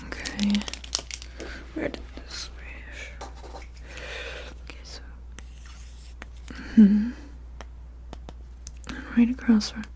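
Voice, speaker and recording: Whispering, mumbling woman in slow ASMR role-play. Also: medium pitch, little pitch movement. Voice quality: breathy, mostly unvoiced whisper with soft murmurs. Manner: mumbling to herself, half-finished phrases and hums. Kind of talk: whispered ASMR role-play of studying the listener and taking notes.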